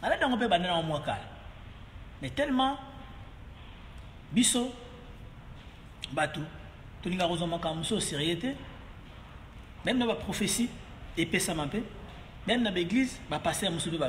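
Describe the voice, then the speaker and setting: Congolese man, casual rambling monologue, high-ish voice, long echoey reverb, switching French and Lingala. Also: animated, measured pace, pauses often, a little hiss or hum. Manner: rambling, mixing French and Lingala, many fillers and repeats. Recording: roomy echo, long reverb, faint ambience.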